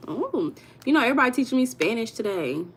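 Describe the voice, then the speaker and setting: A woman's voice: a little high, sing-song, fast, husky. Chatty American woman livestreaming. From United States. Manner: chatty, addresses viewers as y'all, reads comments aloud. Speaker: livestream host. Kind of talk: casual livestream chat with viewers.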